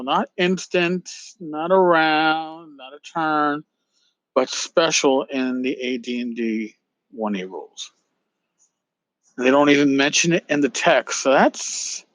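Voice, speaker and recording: Higher-voiced man hosting a casual podcast, dry sound. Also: dry recording, low-quality recording. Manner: musing, rambling, repeats phrases for emphasis. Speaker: podcast host. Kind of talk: casual solo podcast commentary.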